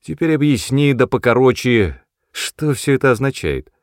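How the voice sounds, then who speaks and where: A man reading the part of a commanding male police lieutenant who barks loud, clipped orders in an audiobook. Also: medium pitch, lively intonation, moderate pace, no echo, studio quality, pitched above the performer's own voice, lightly acted. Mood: firm.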